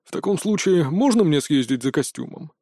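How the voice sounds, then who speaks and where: A man's voice: a little high, expressive, brisk, mellow, no room sound, clean studio sound. A man reading an audiobook, voicing a grumpy, reluctant ancient male god in a sulky, grudging tone. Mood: resigned.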